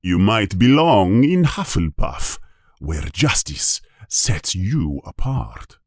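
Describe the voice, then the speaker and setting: A man voicing an ancient magical talking hat, chanting slowly and solemnly in a sing-song way, with a husky tone. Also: low-pitched, sing-song, dry recording, studio quality, heavily acted. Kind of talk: storybook reading.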